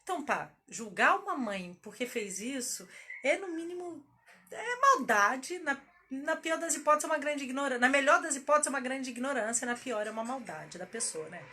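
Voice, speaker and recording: Bright high-voiced mother vlogging. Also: brisk, slight background noise. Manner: animated, repeats words for emphasis. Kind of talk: casual parenting vlog chat.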